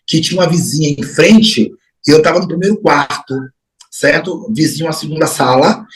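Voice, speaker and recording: A middle-aged Brazilian man in an interview, recalling his family in an unhurried, reflective way, lingering on words and trailing off into soft asides. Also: fairly high pitch, rough recording. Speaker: interview guest. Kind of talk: reflective personal memories.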